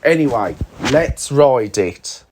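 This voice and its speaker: A man's voice: medium pitch, expressive, slow pace, a little mellow, a little hiss or hum. A man hosting a video with casual, slightly hesitant, plain-spoken voice-over narration. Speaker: video host.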